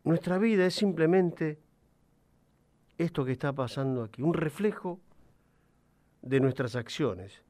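A man voicing a gentle, wise father who patiently explains life to his young son in a soft, calm voice. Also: on the high side, measured pace, long pauses. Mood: tender, wise.

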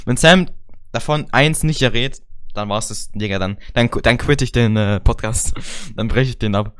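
A young man hosting a casual podcast from an online call, his mid-range voice strained after a night of shouting. He jokes, throws in slang and laughs often. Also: mid-range voice, normal speed, smooth, dry recording. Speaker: podcast host.

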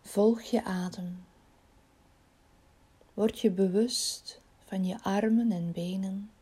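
This guided body-scan relaxation is led by a woman with a husky, medium-pitched voice and fairly even intonation. Her delivery is slow, gentle, and calming, often nearing a whisper.

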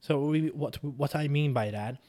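A man's voice: a little high, a little slow, dark tone. A man, co-hosting a casual podcast chat in a wry, joking way. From Hungary. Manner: wry, joking, self-deprecating. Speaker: podcast co-host.

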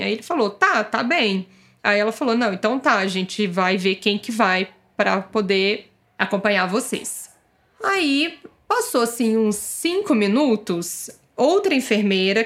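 A young adult woman casually telling her own birth story, acting out the dialogue in lively turns. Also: mid-range voice. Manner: lively, acts out quoted dialogue.

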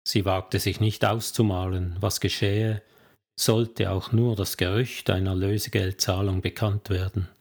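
A man narrating an audiobook novel in a measured, even storytelling manner. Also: low-pitched. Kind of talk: scripted narration.

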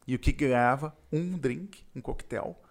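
A man from southern Brazil with a Gaúcho accent, telling a story in casual chat, animated and slangy, acting out the voices of the people in it. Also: mid-range voice, normal speed, vocal fry. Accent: Gaúcho Brazilian Portuguese. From Rio Grande do Sul, Brazil.

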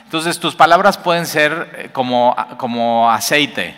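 A man gives a casual devotional Bible lesson in a bright, forceful voice. He talks conversationally, with filler sounds, and acts out little everyday scenes. His voice rings out with a long reverb, as if in a hall. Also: medium pitch, measured pace. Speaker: Bible teacher. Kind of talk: informal devotional Bible teaching.

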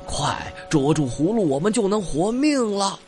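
A man's voice: high voice, very animated, unhurried, a little mellow, soft background music, pitched above the performer's own voice. A man voicing an urgent, resourceful old grandfather rabbit in a children's bedtime story. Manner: urging, exclaiming.

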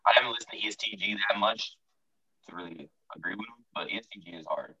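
A man co-hosting a podcast in casual chat, loose and animated, often trailing off and restarting. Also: fairly low pitch, quick pace, husky, no echo, far from the mic. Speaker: podcast co-host. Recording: muffled, off-mic.

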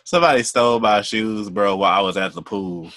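Young male co-host, lowish voice, dry close sound, easygoing rambly delivery. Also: fairly quick, no room sound. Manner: relaxed, rambling with fillers. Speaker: podcast co-host. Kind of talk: casual podcast chat.

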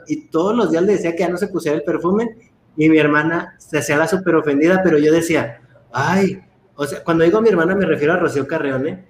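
A man's voice: fairly high pitch, slight background noise. Playful storytelling Mexican man, roomy sound. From northern Mexico. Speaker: host. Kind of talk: casual chat.

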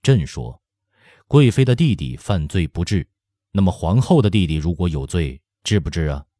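A cold, commanding emperor speaks slowly in a deep, quiet voice, as a man acts him out. The storybook reading sounds close and dry. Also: sing-song, dry recording. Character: stern, cold middle-aged male emperor.

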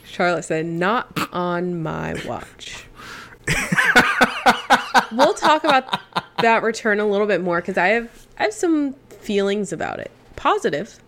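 A woman co-hosting a casual podcast chat, wry and quick to laugh, sleep deprived. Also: medium pitch, sing-song, slight background noise. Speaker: podcast co-host.

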